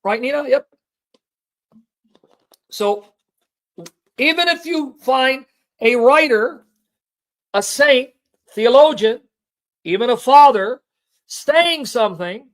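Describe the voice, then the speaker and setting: A man's voice: very high-pitched, animated, slow, pauses often, fairly bright tone. A man teaching a Bible study, reading scripture aloud and explaining it, stressing his points and often checking in with listeners.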